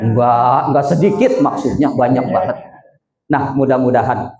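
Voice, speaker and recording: A man's voice: medium pitch, measured pace, a little mellow. A man preaching a humorous wedding sermon, telling a story and quizzing the crowd. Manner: joking storyteller, asks the crowd questions. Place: hall with audience. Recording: echoey hall.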